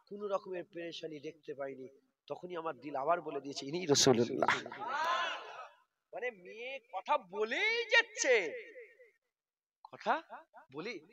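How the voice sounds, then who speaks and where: A man preaching a Bengali Islamic sermon, storytelling in hushed tones, then rising to loud exhortation. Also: high voice. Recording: sermon at a crowded gathering. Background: crowd.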